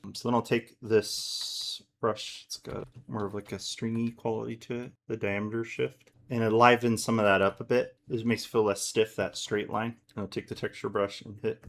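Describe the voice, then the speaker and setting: A man artist casually talking through his digital painting on a stream, relaxed and rambling as he thinks aloud and swears now and then. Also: lowish voice, normal speed, gravelly, hardly any pauses. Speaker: artist streaming a drawing session. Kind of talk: casual running commentary while digitally painting.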